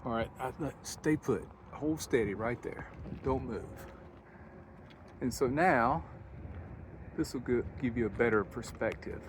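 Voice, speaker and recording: A man narrating a casual do-it-yourself vlog, thinking aloud in a folksy way as he works outdoors. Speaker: vlogger. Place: outdoors beside a van near a highway, windy. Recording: wind and highway noise outdoors. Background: wind and interstate traffic.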